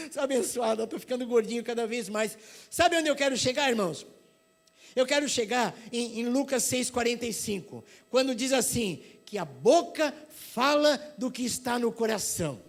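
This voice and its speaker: A middle-aged man with a São Paulo accent preaching a sermon, telling lively stories and acting out other people's voices. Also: extremely high pitch. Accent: paulista. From São Paulo, Brazil. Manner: animated storytelling, acts out voices.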